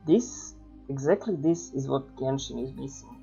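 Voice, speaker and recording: A man plays a video game and comments casually as he goes. His voice is creaky, he mutters to himself, and music runs underneath. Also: medium pitch, animated, normal speed, dark tone, lo-fi sound. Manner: thinking aloud, muttering asides. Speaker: gamer playing and reacting.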